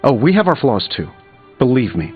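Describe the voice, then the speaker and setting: A man's voice: mid-range voice, very animated, moderate pace, dull audio, soft background music, close to an everyday voice. A man playing a cocky, wisecracking genius inventor superhero in a video game, with a glib, sarcastic delivery. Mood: concerned, wry. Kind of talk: video game dialogue, quippy banter.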